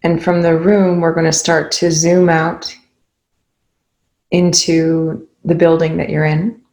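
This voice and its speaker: A woman leads a guided meditation, speaking softly to listeners in a low, nearly monotone voice with creaky fry. She stays calm and unhurried, leaving long pauses between short, gentle instructions.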